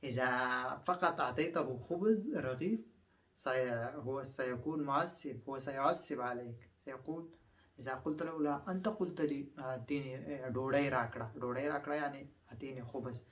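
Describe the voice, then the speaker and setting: A man's voice: medium pitch, a little fast, recorded from a distance. Man teaching phrases, mic set back. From Afghanistan. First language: Pashto. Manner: repeats each phrase several times, explains patiently with many fillers. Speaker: language teacher. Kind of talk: phrase-by-phrase language lesson.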